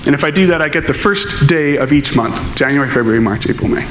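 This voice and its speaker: A man with a fairly high voice speaks fast as he answers audience questions during a technical keynote. He is a conference speaker on stage in a large lecture hall, and his replies are thoughtful and explanatory. The recording echoes and has faint background noise.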